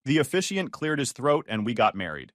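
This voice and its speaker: A man's voice: mid-range voice, sing-song, fairly quick, fairly bright tone, no room sound. A man narrating a first-person story in a dry, matter-of-fact way.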